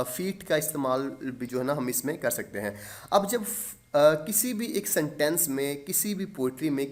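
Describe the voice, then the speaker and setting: A young man teaching a lesson, explaining patiently with many pauses and fillers and repeating points, slipping English terms into his speech. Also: a little high. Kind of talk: lecture explaining poetic meter.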